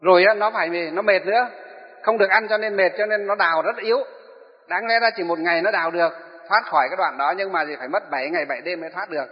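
A man's voice: high voice, quick pace. A man telling a Buddhist story as a sermon. He keeps posing rhetorical questions and then answers them himself. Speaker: Buddhist preacher. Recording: echoey hall, dull lo-fi sound.

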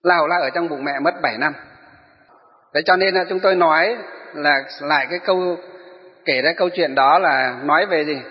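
A high-pitched man tells a Buddhist tale as a sermon. He keeps asking his listeners rhetorical questions and then answers them. The recording is dull and lo-fi, with a long echo from a large hall. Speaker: Buddhist preacher. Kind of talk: sermon storytelling. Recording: echoey hall, dull lo-fi sound.

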